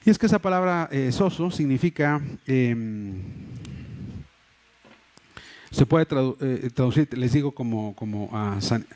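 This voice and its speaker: A mid-range, darkish male voice with lively intonation moves at normal speed. As pastor, he preaches a sermon in a church hall, captured by a livestream mic, in a Mexico City Spanish accent. His explanations are earnest and peppered with fillers and restarts.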